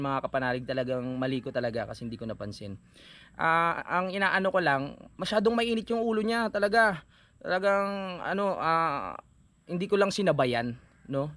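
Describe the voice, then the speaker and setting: A man's voice: on the high side, fairly bright tone, no room sound. A young adult man tells a casual vlog story and slips into a mock-preachy tone, speaking to viewers as if to a congregation. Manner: mock-preachy, addresses viewers as "mga kapanalig". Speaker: vlogger.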